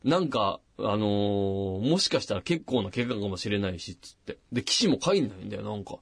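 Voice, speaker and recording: A man's voice: brisk, vocal fry, breathy edge, no echo. A man hosting a late-night radio show, casually telling a long personal story and acting out the voices of the people in it. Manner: animated, acts out quoted voices with big pitch jumps. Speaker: radio host. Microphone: studio microphone.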